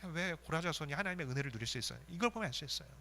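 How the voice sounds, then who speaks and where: A male pastor preaching a sermon in an earnest way, with swings between fervent rises and soft, intense drops. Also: a little high, animated, rapid-fire, slight background noise.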